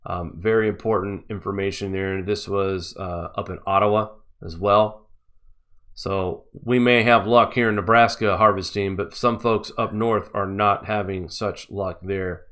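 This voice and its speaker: A man's voice: fairly low pitch, steady tone, a little slow, fairly bright tone. A man hosting a live-stream news show, giving mocking, sarcastic commentary.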